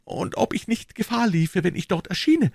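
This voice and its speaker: A man reading an audiobook, voicing a clever, secretive young woman in a high falsetto. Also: sing-song, creaky, a little mellow, slightly rough, dry recording, clean studio sound, full character voice. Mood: earnest. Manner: high falsetto, quick and breathless. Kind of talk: audiobook reading with character voices.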